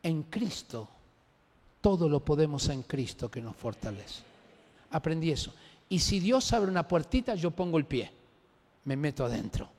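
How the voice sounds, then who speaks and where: A man preaching a sermon, telling a personal story in an animated, emphatic way. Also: a little high. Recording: long reverb of a large hall.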